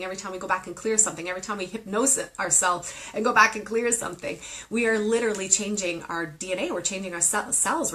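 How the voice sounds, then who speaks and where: A woman in her thirties speaks with heartfelt emotion about healing and letting go, then eases into guiding a meditation. Her voice is bright and forward, at a medium pitch. She is talking live to her followers through a phone or webcam stream. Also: rough recording. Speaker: meditation teacher. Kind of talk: live-streamed spiritual talk and guided meditation. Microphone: phone or webcam on a live video stream.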